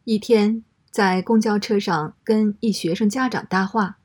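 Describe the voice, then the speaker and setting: A woman reading a first-person story aloud in a steady, matter-of-fact way. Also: mid-range voice, measured pace, breathy edge.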